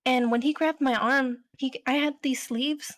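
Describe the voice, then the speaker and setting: A woman's voice: sits high, steady tone, normal speed. A young adult woman co-hosting a podcast, telling a story in a rambling, casual way full of fillers. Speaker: podcast co-host.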